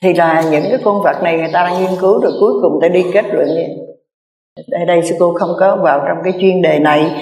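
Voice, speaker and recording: A woman's voice: on the low side, fast talker, darkish tone. Woman, Buddhist nun, earnest sermon, repeats phrases, roomy echo, long hall reverb. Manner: earnest, repeats key phrases for emphasis, addresses listeners directly. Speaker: Buddhist nun giving a dharma talk.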